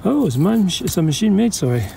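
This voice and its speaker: A man's voice: high-pitched, big pitch swings, fairly quick, creaky, warm tone, a little hiss or hum. A Scottish man talking casually to camera while digging for old bottles outdoors, chatty and enthusiastic, thinking aloud. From Scotland. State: out of breath at times. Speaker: bottle digger and vlogger. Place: outdoor dig site.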